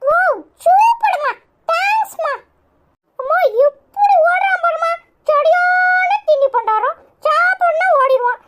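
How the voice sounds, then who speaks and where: A woman doing a squeaky cheeky cartoon kid. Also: slow pace, heavy background noise. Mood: chatty. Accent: Kanyakumari Tamil. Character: young child, food-loving and cheeky. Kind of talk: cartoon voice acting.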